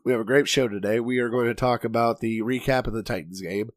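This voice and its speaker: Hoarse guy hosting a chatty podcast, voice cracking, rambly and jokey, dry sound. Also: mid-range voice, steady tone, fast talker, no echo. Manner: rambling, jokey, self-deprecating. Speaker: podcast host. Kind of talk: casual podcast chat.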